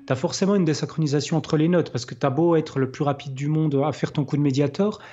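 A man's voice: a little high, steady tone, fast, warm tone. A man hosting a podcast, casually explaining his guitar technique between played examples, thinking aloud with many hesitations. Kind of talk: casual explanatory chat with playing demos. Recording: slightly dull lo-fi sound. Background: faint guitar playing.

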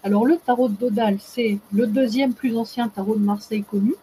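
A woman with a mellow, relaxed voice explains at length as a guest expert. She hesitates a lot, filling gaps and restarting her sentences. A faint noise sits under the recording. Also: a little high, fairly quick, rough recording. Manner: hesitant, many fillers and restarts. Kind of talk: casual explanatory talk.

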